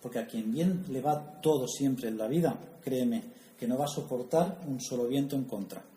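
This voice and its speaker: Lively preacher, roomy echo. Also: male voice, medium pitch, moderate pace. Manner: lively, conversational, asks the audience questions; humorous asides. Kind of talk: sermon. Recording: echoey room, faint ambience.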